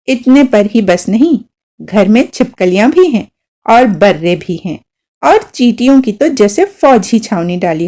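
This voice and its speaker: A woman reading a short story aloud as narrator, with expressive storytelling. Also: a little high.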